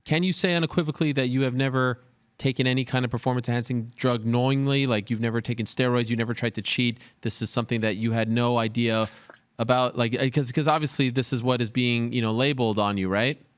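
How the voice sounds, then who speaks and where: Fast-talking male interviewer. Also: mid-range voice, steady tone, clear, resonant tone, dry recording. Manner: probing, presses with follow-up questions. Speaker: host, interviewer.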